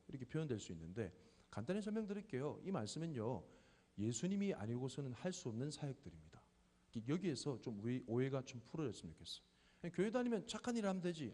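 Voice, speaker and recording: Man, thirties, pastor, sermon, animated pitch, long church-hall echo. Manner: conversational, explains with questions and family stories.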